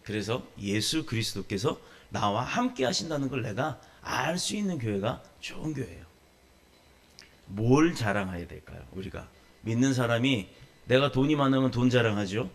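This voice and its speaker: Gravelly-voiced Korean pastor preaching. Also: male voice, mid-range voice. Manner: storytelling, asks the congregation questions. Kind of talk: sermon.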